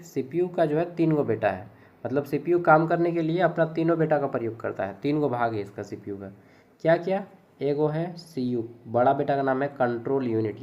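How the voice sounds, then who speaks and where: A man's voice: mid-range voice, darkish tone. A man teaching exam questions in a casual, joking lecture style, often repeating fillers like "ठीक है". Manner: chatty, jokey, repeats "ठीक है". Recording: dull lo-fi recording.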